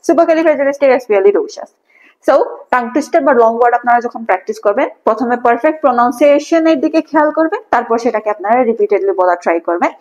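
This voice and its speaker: A woman's voice: on the high side, muffled recording. A young woman teaching English, drilling long words part by part with patience. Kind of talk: casual lesson mixing Bengali and English.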